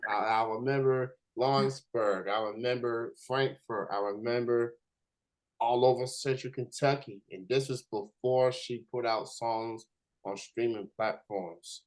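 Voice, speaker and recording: A man with an American accent hosting a casual interview in a halting way, often repeating his words. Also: mid-range voice, steady tone, poor audio. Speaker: interviewer, host.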